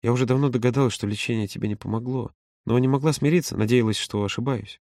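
A man voicing a grieving, resigned mother who speaks softly and sorrowfully. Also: medium pitch, quick pace, no echo, studio quality, lightly acted. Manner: soft, sorrowful, quiet. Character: grieving mother, aging woman, resigned and tender.

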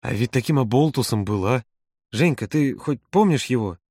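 A man's voice: medium pitch, expressive, moderate pace, darkish tone, no room sound, studio quality, lightly acted. A man reading an audiobook, voicing a chatty, curious woman who eagerly asks questions.

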